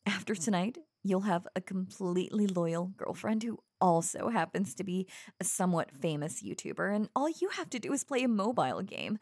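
A young woman voicing an obsessive young streamer who speaks softly and coaxingly to the listener, with nervous giggles. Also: mid-range voice, no echo, studio quality. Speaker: voice actor in an audio roleplay. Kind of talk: audio roleplay addressed to the listener.

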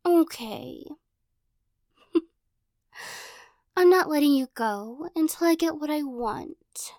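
A young woman with a high, animated voice plays a possessive, teasing girl who corners the listener in an audio roleplay. Speaking slowly, she giggles, coaxes, and often slips into soft whispers. The studio sound is clean, with no room sound.

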